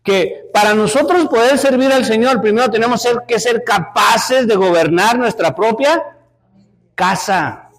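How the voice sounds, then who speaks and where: A middle-aged Mexican man teaching a Sunday school class, animated, often repeating words and asking the class questions. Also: very high voice, measured pace. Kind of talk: Sunday school lesson, preaching.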